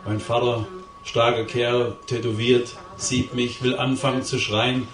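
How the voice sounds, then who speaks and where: A man's voice: mid-range voice, flat delivery, measured pace, crowd noise. Intense man preaching in a hall. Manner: intense, confessional storytelling with emphatic repetition. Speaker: lay preacher giving his testimony. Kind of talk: emotional testimony speech to a live audience. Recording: roomy hall, voice from a distance.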